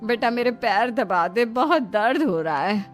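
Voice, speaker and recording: A woman voicing a bossy village mother-in-law who calls out sharp orders, for an animated story. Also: fairly high pitch, a little slow, faint music behind. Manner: calls out loudly, sharp commands.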